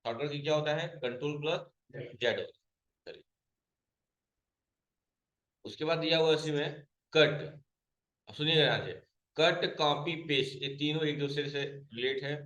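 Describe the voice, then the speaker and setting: A man's voice: a little high, normal speed, pauses often, a bit bright, reverberant, rough recording. A man teaching a computer class, asking his students questions and then answering them himself, repeating each key point. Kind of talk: classroom lesson.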